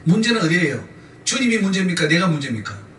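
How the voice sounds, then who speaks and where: Emphatic male pastor, high and lively. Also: quick pace, slight background noise. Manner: emphatic preaching with repetition and call-and-response. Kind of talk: sermon. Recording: echoey church sound from a distant mic.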